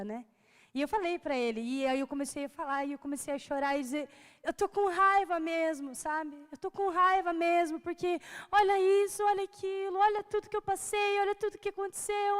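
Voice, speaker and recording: A woman's voice: high-pitched, big-room sound. A young woman with a Brazilian Portuguese accent giving a personal testimony in church, earnest and conversational, laughing often between phrases.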